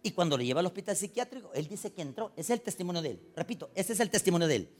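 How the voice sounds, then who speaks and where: Animated preacher man. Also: racing, soft background music. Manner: swings between loud urgent preaching and low confiding storytelling. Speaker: pastor. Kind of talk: sermon.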